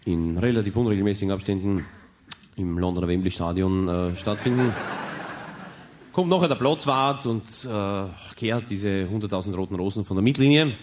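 A man with an Austrian German accent performing a stand-up monologue, telling a rambling story in a deadpan way with hesitations. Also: fairly low pitch, normal speed, a little hiss or hum. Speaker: comedian.

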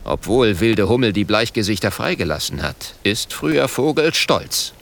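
A man doing a stern gruff old chief. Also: lowish voice, sing-song, moderate pace, fairly bright tone, heavily acted. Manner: clipped broken sentences, stern.

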